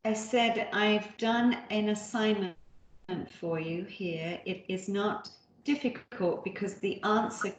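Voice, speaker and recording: A woman instructor talks slowly and steadily to her class, stopping for fillers and restarting her phrases. Her voice arrives through a choppy video call that freezes and cuts her off mid-sentence. The sound is roomy and echoey, with a faint hiss behind it. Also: mid-range voice. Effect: choppy video call audio that freezes and cuts out. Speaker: nursing instructor. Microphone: laptop video call.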